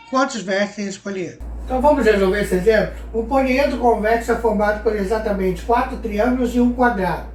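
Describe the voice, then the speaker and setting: A woman teaching a math lesson, patiently asking her class questions and answering them herself. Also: mid-range voice. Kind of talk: explaining a geometry lesson. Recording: echoey room, voice far from mic.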